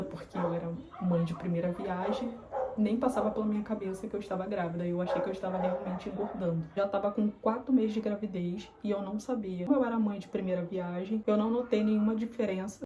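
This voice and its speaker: A woman's voice: mid-range voice, mellow, slight background noise. A young woman vlogger telling a personal story to camera in an earnest, confiding way. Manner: earnest, confiding, acts out remembered dialogue.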